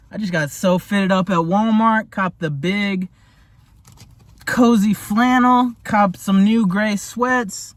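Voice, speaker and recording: A young man with a high-pitched voice tastes fast food on camera. He gushes in casual slang and sometimes talks with his mouth full. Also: no room sound. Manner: excitable, slangy, gushing; talks while eating. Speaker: food reviewer. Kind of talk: casual taste-test vlog.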